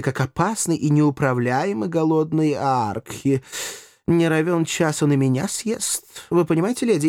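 A man's voice: on the high side, darkish tone, dry recording, studio quality, voice pushed up. A man voicing a gallant, theatrical young nobleman with florid, mock-courteous speech. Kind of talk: audiobook character voice.

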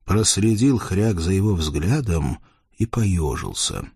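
A man's voice: low voice, big pitch swings, takes it slowly, gravelly, a little mellow, slightly rough, dry recording, studio quality. A man narrating a fairy tale in a playful, folksy way, addressing the readers. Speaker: storyteller. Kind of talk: expressive audiobook narration.

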